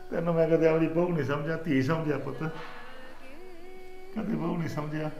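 An older man playing a village father-in-law in a family short film, emotional with his daughter-in-law and loud when he scolds. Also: a little high, fairly even intonation, fairly quick, echoey room, lo-fi sound. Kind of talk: rural family drama acting.

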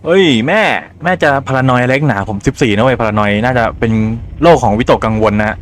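A man's voice: mid-range voice, expressive, fairly quick. A man with a Thai accent and a slight cold, casually commentating a horror game, swearing and reading game lines aloud. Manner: chatty, swears casually, reads game dialogue aloud in his own voice. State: has a cold, phlegmy throat. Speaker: gaming YouTuber. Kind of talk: casual let's-play commentary.

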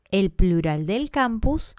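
Slow, clear-voiced woman teaching grammar. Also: mid-range voice, sing-song, darkish tone, no room sound, studio quality. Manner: deliberate, spells out letters and lists examples one by one. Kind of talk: slow scripted grammar lesson.

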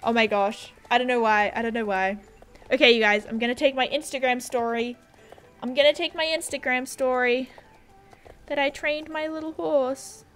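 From a gaming setup at home, a young woman streams a horse game on a headset, chatting casually and reading viewer messages aloud. Her high voice is steady, smooth, and a bit bright at a normal speed, with soft music playing behind her.

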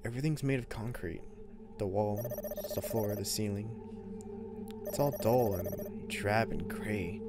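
A man's voice: lowish voice, unhurried, loud music behind the voice. A man reading a visual novel aloud and chatting about it, often breaking into laughter. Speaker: let's play host.

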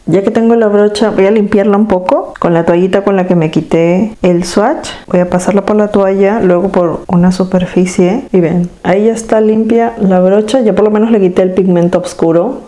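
Mellow-voiced woman chatting through makeup. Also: on the low side. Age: adult. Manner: chatty, demonstrative, addresses viewers directly. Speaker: beauty vlogger. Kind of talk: casual makeup tutorial. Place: at home.

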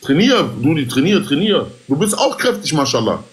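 Guy on a livestream giving boxing advice, kinda high voice, super animated, slangy and emphatic. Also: a little fast. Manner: emphatic street slang with Arabic oaths. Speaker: boxer giving fight advice. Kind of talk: casual chat on a group livestream.

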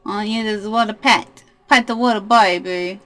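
A woman's voice: medium pitch, steady tone, normal speed, a bit bright, a little hiss or hum. A young woman hosting a life-sim let's play, chatting casually and talking to her game characters in a bubbly way. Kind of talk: casual gameplay commentary.

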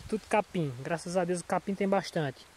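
A small farmer with a Northeastern Brazilian accent chats folksily from an open cornfield for his vlog, repeating himself and adding frequent check-in tags. His high voice is a little hoarse from a cold and fairly quick, captured in a noisy outdoor handheld recording.

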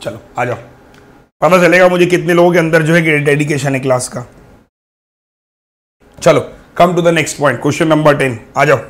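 A young man teaches an online maths class for exam prep. His voice sits a little high, and he talks in a chatty, coaxing way, often counting items aloud as he goes. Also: measured pace, pauses often. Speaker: maths teacher for bank exams.

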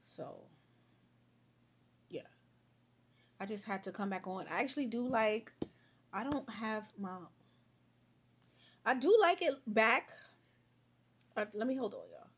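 This young woman speaks slowly with frequent pauses, in a fairly high voice with lively intonation and a breathy edge. As a beauty vlogger doing her makeup at home, she's a bit sniffly from a sore throat and rambles chattily through a get-ready-with-me, calling viewers "y'all" and "girl."

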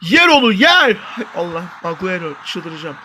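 High, bright young man commentating football gameplay. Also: sing-song, moderate pace, slight background noise. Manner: shouts and stretches player names when attacks build, mutters when things go wrong. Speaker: gaming YouTuber. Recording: faint game music behind.

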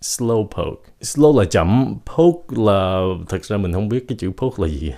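A man teaching English vocabulary in a lively way, slowing down to spell out each English sound. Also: lowish voice. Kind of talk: language lesson.

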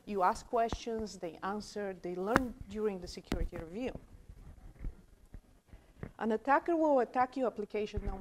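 Speaking at a podium mic in a small room, a woman in her forties from Bulgaria presents at a conference with a Bulgarian accent. She's earnest and uses both hands to gesture, her mid-range voice accompanied by slight background noise.

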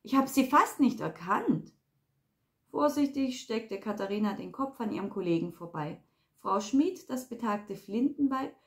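Woman reading a crime novel aloud. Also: mid-range voice. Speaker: reader.

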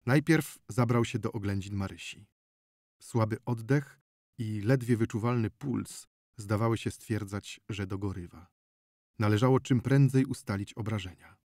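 A man reading an audiobook novel in a measured, steady narration close to the mic. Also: on the low side, no echo.

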